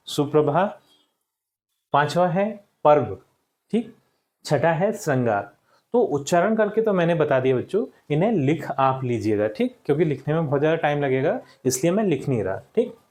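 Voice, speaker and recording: A young adult male teacher giving a recorded lesson to schoolchildren, repeating each word slowly and checking in with the class after each point. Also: fairly high pitch, animated, a little mellow. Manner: addresses the class as children, checks with "ठीक".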